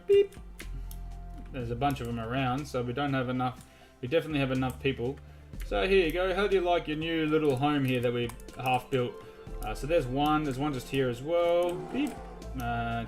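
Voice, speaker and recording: A man hosting a casual gaming video, narrating his building as he goes in a chatty, rambling way with many restarts. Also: medium pitch. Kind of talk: casual gameplay commentary.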